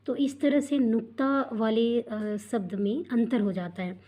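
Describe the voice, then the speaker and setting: Woman teacher, young adult, warm mellow tone, patient and repetitive lesson explainer. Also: on the high side, steady tone, measured pace. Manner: patient, repetitive explaining with frequent fillers and rhetorical questions. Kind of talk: explaining a school textbook lesson.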